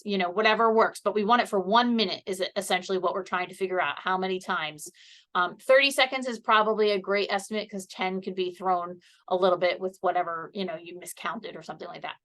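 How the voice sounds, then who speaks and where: A woman with a mid-range, fairly bright voice sits indoors giving a health presentation as an educator. She's chatty and casual, explaining each point step by step.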